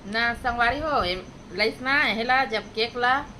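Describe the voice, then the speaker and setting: A woman's voice: a little high, slow pace, sharp tone, slight background noise. A woman with a Chhattisgarhi accent, a mother chatting casually about her birthday with her family.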